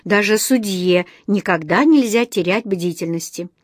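A woman's voice: mid-range voice, a little slow, no room sound, studio quality, close to an everyday voice. Courteous elderly male shopkeeper, read by a woman, kindly and patient. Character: kindly polite elderly male antique dealer.

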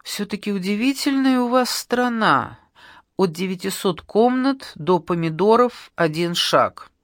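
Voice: mid-range voice, animated, measured pace, fairly bright tone, no room sound, voice pushed up. An audiobook narrator voicing a wry male detective who asks dry, ironic questions, recorded dry and close.

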